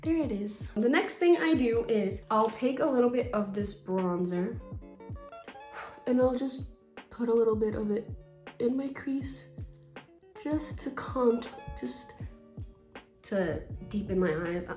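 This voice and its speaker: A chatty young woman with a slightly high voice talks casually through a makeup routine and rambles into self-deprecating asides. She sounds a little out of breath. She is filmed on a phone in an echoey room with faint music behind her. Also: measured pace, pauses often, a little mellow. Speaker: beauty vlogger. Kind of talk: casual makeup tutorial chat. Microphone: phone camera.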